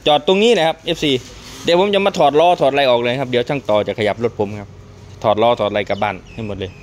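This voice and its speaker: A man's voice: medium pitch, quick pace. A man filming a casual vlog at a truck body workshop, talking to his followers and laughing often. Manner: lively, laughs often, speaks to fans. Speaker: truck owner vlogger. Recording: faint background noise.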